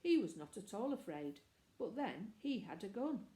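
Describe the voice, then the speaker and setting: A woman narrating a children's storybook calmly and evenly. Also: medium pitch, normal speed. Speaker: audiobook reader. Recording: echoey room.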